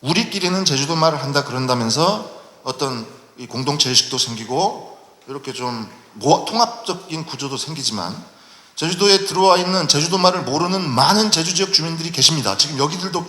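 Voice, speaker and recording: A middle-aged man from Jeju moderating a public forum in a formal, halting manner, with many pauses. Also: a little high, animated, sharp tone. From Jeju, South Korea. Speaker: panel moderator. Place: large lecture hall at a public forum. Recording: echoey hall recording with faint noise.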